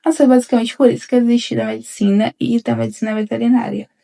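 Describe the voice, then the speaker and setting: A young woman in her twenties speaks straight to camera in a casual, confessional vlog, her slightly high voice carrying a gravelly fry and a dark, mellow tone. She rambles, restarts her sentences and keeps turning to her viewers as if chatting with friends. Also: little pitch movement, fast. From Bahia interior, Brazil. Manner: rambling, repeats "gente" often, frequent restarts. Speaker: vlogger, newly graduated dentist.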